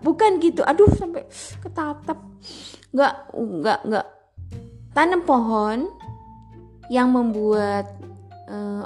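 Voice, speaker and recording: Slow-talking playful woman. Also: medium pitch, darkish tone. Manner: chatty and playful, laughs at her own jokes, acts out little scenes. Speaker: podcast host. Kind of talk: casual solo podcast monologue.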